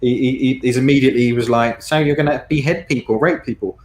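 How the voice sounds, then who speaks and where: A man's voice: mid-range voice, quick pace, a little mellow. Defensive man talking over others, echoey room. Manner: defensive, repetitive, interrupting. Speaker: guest caller. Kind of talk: heated debate.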